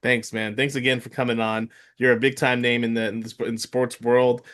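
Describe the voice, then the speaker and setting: This mid-thirties man hosts a sports podcast in casual interview chat, his delivery halting and full of fillers and restarts. His mid-range voice has a fairly bright tone and barely moves in pitch.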